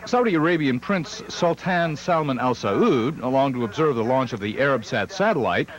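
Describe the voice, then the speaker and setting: A man's voice: mid-range voice, animated, moderate pace, background noise. Male news correspondent for narrated report, medium register, lo-fi old broadcast sound. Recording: dull lo-fi archival TV audio.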